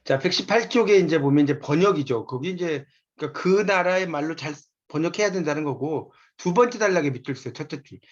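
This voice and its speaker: Man, university lecturer, patient and methodical; slightly high voice, muffled low-fidelity capture. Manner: directs students to pages and lines, explains patiently. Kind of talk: textbook-based lecture.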